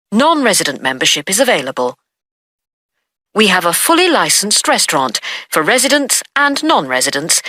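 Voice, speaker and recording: Female hotel information announcer, recorded phone message, bright forceful tone, lively intonation, formal promotional delivery, close dry sound. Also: medium pitch, dry recording. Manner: formal, promotional, clearly enunciated reading.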